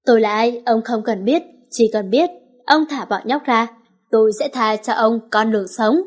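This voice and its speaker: A woman's voice: fairly high pitch, moderate pace, natural voice. A woman reading the lines of a fierce young nanny heroine in a storybook. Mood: urgent. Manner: anxious then icy.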